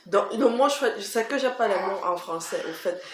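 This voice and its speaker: A woman's voice: medium pitch, lively intonation, normal speed, slight background noise. A woman with a Cameroonian accent chatting casually for a vlog, emphatic, repeating herself and tossing in rhetorical questions. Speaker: vlogger answering tag questions. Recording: roomy echo, faint background music.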